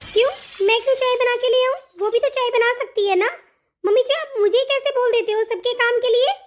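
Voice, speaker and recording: A woman's voice: very high-pitched, moderate pace. A woman voicing an indignant elder daughter-in-law. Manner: indignant, complaining, outspoken. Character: long-suffering elder daughter-in-law finally speaking up. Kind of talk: animated family story voice acting.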